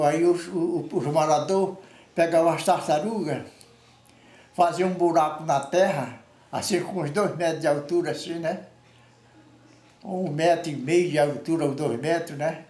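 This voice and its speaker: An older man with an Amazonian Brazilian accent, voice a little high and darkish, tells informal stories full of rambling and repeated words. He often caps phrases with a quick question, and the recording has an echoey room sound.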